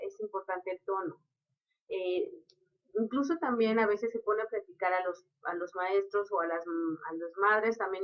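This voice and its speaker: A woman giving a recorded lecture, explaining each point in an unhurried teaching manner. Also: medium pitch. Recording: dull lo-fi recording.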